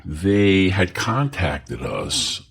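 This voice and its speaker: Male podcast co-host, deep and lively, easygoing back-and-forth. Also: extremely slow, vocal fry, husky. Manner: chatty, finishes his partner's sentences. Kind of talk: casual chat.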